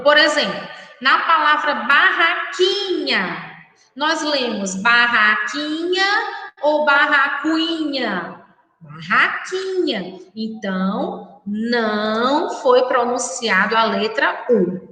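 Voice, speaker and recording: A woman with a Brazilian Portuguese accent teaching a remote primary school class in a slow, sing-song manner, addressing the children affectionately. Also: high-pitched, bright, forceful tone. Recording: echoey room from far off.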